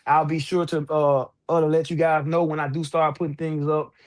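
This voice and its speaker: Man, high-pitched voice, livestream headset audio, slangy casual talk, fired-up. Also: flat delivery, fairly quick. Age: adult with several children. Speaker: livestream host.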